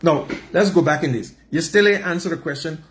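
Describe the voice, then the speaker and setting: In a small indoor radio studio with faint background noise, a Caribbean-accented man hosts an unscripted sports interview. His voice sits on the high side, moves fairly quickly and sounds roomy as he presses with questions, rephrasing and repeating them.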